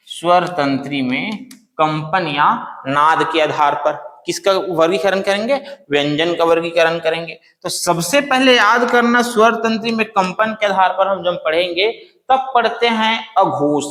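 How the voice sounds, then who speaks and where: Lively man teaching in an echoey room. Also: high voice. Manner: asks the class questions and answers them himself; repeats key terms many times. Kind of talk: Hindi grammar lesson. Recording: roomy reverberant room.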